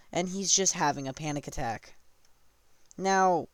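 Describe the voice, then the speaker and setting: A man's voice: fairly high pitch, unhurried, dry recording. A man casually retelling a tabletop game session, rambling and often correcting himself mid-sentence. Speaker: storyteller.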